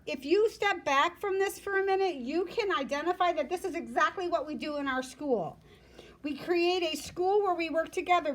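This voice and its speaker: A woman teacher reading a textbook aloud to her class and explaining it in plain, simple words as she goes. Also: sits high. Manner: explanatory, breaks down points for students in plain words. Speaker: school teacher.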